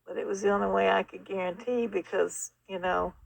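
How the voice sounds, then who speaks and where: Gravelly, hoarse older woman, rambling. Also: mid-range voice, fairly even intonation, brisk. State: sore throat. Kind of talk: casual update about a rescued stray kitten. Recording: faint noise, muffled at times by mask.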